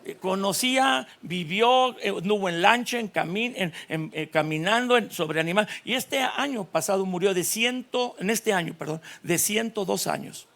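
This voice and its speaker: Man, 60s, Mexican accent, high-pitched voice, animated storytelling sermon. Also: normal speed, gravelly, hardly any pauses. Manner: animated, storytelling, jokes with the audience. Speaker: pastor. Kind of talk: humorous conference sermon.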